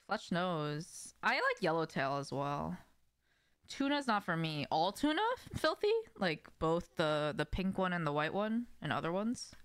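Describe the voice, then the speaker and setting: A young woman livestreams a game from indoors at home, talking casually and directly to the people watching. Her voice is on the low side, a bit bright and clean.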